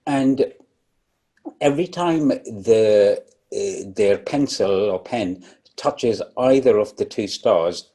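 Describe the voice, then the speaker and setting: A man's voice: on the low side, warm tone, breathy edge. A man giving a public lecture, explaining plainly with frequent ums and restarts, with a throat lozenge in his mouth. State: coughing, sucking a throat lozenge.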